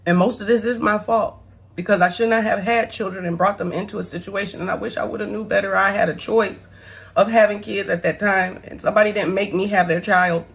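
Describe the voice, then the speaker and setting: A woman's voice: medium pitch, steady tone, fairly quick, gravelly, slightly rough. A woman close to tears in a rambling, profane confessional video monologue, apologizing and defending herself as a mother. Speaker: mother addressing her son's claims.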